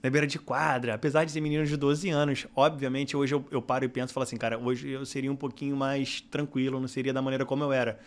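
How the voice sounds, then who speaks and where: A middle-aged Brazilian man, a football director guest, telling anecdotes in casual podcast chat, his voice climbing when he gets excited. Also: medium pitch, fast, hardly any pauses.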